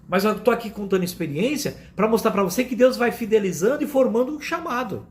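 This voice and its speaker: A male pastor with a Brazilian accent delivers a sermon in a high, lively voice. His pitch leaps around as he stresses his points, repeating phrases for emphasis. He keeps turning to the congregation with fond direct address. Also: quick pace. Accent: Brazilian Portuguese. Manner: emphatic, repetitive, addresses listeners as "amados".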